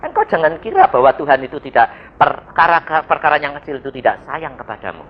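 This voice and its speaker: A man, an evangelist preaching a sermon in a lively storytelling way, acting out voices and sound effects. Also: on the high side, fast. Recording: dull lo-fi sermon recording.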